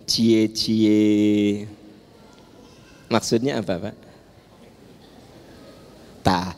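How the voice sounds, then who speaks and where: A man with a Sundanese accent giving a playful, teasing sermon in a large mosque, joking with the audience and asking them questions. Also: medium pitch. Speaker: preacher. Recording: long hall reverb in a large mosque.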